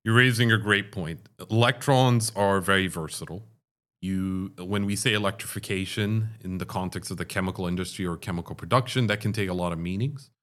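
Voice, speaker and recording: A man from Dubai, a chemical engineering professor, answering interview questions in a measured, explanatory way. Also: low voice, a bit bright. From Dubai, Middle East. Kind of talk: conversational interview.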